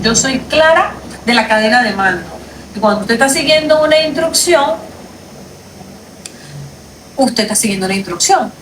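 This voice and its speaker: A woman with a fairly high voice delivers an emphatic, indignant livestream statement, hammering her points again and again. The sound is roomy and set back from the mic, with faint noise behind her. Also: a bit bright. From Panama. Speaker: lawyer. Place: outdoors at night on a street. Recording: echoey, distant from the mic, faint background noise.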